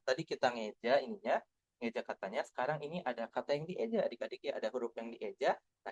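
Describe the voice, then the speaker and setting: A young man tutoring young children through test answers, patient and coaxing, slowly spelling out letters. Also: medium pitch, no room sound. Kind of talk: online lesson reviewing test answers for young kids. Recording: dull, dry lo-fi sound.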